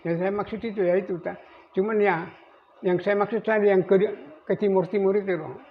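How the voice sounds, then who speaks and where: Elderly man in his 80s, high voice, halting rambling recollection, dull lo-fi recording with faint hiss. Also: steady tone. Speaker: navy veteran. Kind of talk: recorded interview.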